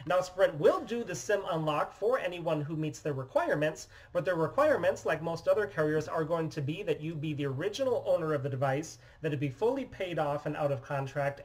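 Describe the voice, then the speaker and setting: Male demo host, 30s, slightly raised pitch, steady explainer tone, small office room. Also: husky, rough recording. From United States. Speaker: phone repair business owner. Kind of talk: scripted product demonstration.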